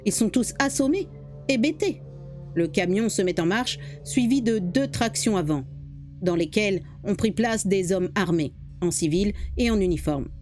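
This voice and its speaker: A woman telling a dramatic true story as scripted narration, with expressive delivery. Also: mid-range voice, moderate pace, faint music behind.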